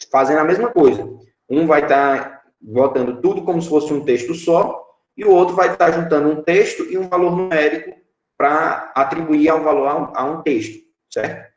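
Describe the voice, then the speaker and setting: A Brazilian Portuguese-accented man in his thirties teaches app-building blocks during an online screen-share class, pausing often with the filler "é" and checking on students with "certo?". His voice sits a little high, and the lo-fi webcam audio echoes around the home room he's in.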